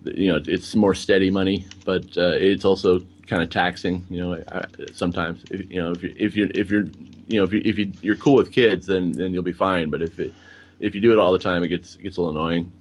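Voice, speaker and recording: A man who teaches English abroad, talking in a halting way and repeating words as he goes. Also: low voice, fairly even intonation. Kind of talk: casual radio chat.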